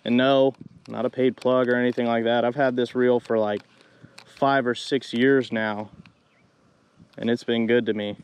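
A man's voice: mid-range voice, moderate pace, smooth. A man vlogging his fishing trip from a kayak on a lake, chatting casually to his viewers about what he is doing. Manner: chatty, talks to viewers as guys, bursts into excited shouts when fish bite. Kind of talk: casual first-person fishing commentary. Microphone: action camera mounted on the body.

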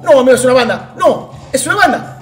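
A man with an Argentine accent streaming slots, talking loudly to his chat with sudden shouted outbursts and lots of slang. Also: very high-pitched, fast talker, roomy sound, faint music behind. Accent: Argentine Spanish. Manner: excitable, loud outbursts and shouting, heavy slang and swearing. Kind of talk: live gambling stream chat.

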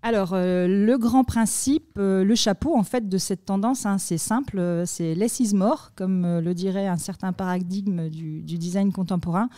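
A woman explaining content marketing on a podcast in a measured way, with many fillers. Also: mid-range voice, mellow, no echo, studio quality.

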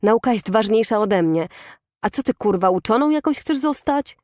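A woman voicing an aggressive, possessive teenage boyfriend who yells and curses. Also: high-pitched, expressive, normal speed, no echo, clean studio sound, pitched above the performer's own voice. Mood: angry. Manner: yelling, cursing, bullying.

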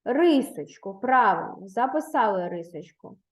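A woman with a fairly high voice teaches young children at an unhurried, deliberate pace. She is patient and encouraging, praising answers and guiding pupils step by step. The recording carries a roomy echo. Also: expressive. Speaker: primary school teacher. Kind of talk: online lesson for third graders.

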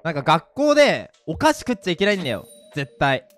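A man's voice: a little high, huge pitch swings, fairly quick, fairly bright tone. A young man, a pro gamer, telling rambling, self-mocking childhood stories in casual chat while he plays a game. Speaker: pro gamer and video creator. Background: faint game music.

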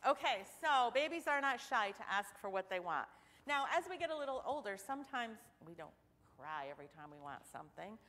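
Lively woman with a children's sermon. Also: a little high, brisk, a little hiss or hum. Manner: animated, questioning children playfully. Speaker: children's message leader. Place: church sanctuary. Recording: church hall reverb.

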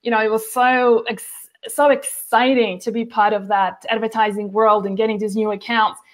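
The guest on this casual video call interview is a nutrition author in her forties, speaking at a normal speed in a high-leaning, flat voice. She chats with plenty of fillers and restarts, at home by a window with plants behind her.

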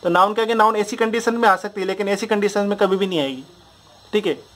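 A man's voice: sits high, fast, a bit bright. A young man teaching a grammar lesson who explains patiently, repeating example drills and checking that listeners follow. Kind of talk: Hindi grammar lesson at a board.

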